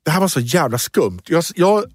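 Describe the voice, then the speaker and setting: A man co-hosting a casual chat podcast, telling a story with lots of swearing and acted-out shouting. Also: a little high, no echo, clean studio sound. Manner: animated storyteller who swears and acts out quoted shouting. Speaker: podcast co-host.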